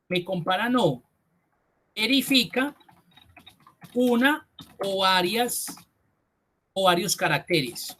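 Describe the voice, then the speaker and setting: A man's voice: sits high, fairly bright tone. A man teaching an online spreadsheet class. He explains step by step, repeats key points and thinks aloud. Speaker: spreadsheet course instructor.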